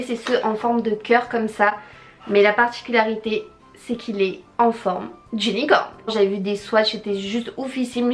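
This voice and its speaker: A young woman vlogging as she unboxes gifts, gushing and exclaiming to her viewers and to the friend who sent them. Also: a little high. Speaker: beauty vlogger. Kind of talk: excited unboxing chat.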